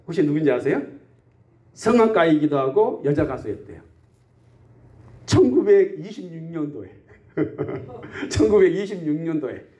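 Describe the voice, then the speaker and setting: A man's voice: high voice, a little mellow, dull audio. A male pastor preaching a Sunday sermon in a country church, asking the congregation questions and answering them himself, and acting out everyday complaints. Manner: acts out everyday complaints in quotes.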